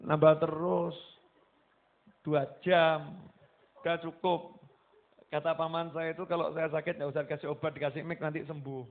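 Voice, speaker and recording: A man with a Javanese accent preaching a sermon to a gathering, animated and acting out voices as he goes. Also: a little high, normal speed, pauses often. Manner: animated, mixing Javanese into his talk, acting out quoted voices. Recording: tinny phone-like sound.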